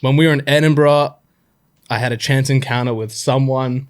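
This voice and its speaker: A man's voice: mid-range voice, fairly even intonation, normal speed. A young man co-hosting a podcast, chatting casually with playful, teasing banter. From Australia. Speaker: podcast co-host. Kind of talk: casual chat.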